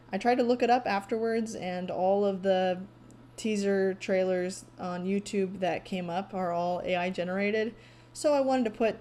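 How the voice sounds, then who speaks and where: Halting woman recapping with many ums. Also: mid-range voice, darkish tone, slight background noise. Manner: frequent ums, halting, thoughtful. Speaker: vlogger recapping a movie trailer. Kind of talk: casual solo recap.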